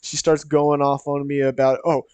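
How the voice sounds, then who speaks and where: A man's voice: mid-range voice, steady tone, moderate pace, a little mellow, clear, resonant tone, no echo. A young man casually telling a personal story, rambling along with lots of "so" and "like". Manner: rambling, full of "so" and "like".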